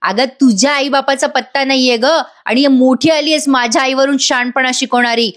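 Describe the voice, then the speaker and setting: A woman's voice: high-pitched, normal speed, lightly acted. A woman reading a scornful, bossy young woman. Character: rude arrogant young woman, Priya. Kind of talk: voice-over retelling of a serial.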